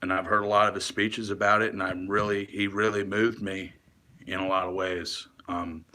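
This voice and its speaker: Speaking directly to the camera, a man delivers a long, rambling monologue in a low, tense, forceful voice, level in tone and at normal speed. He comes across as earnest and confessional, tripping over words, starting sentences again, and tossing in casual swears. There is slight background noise.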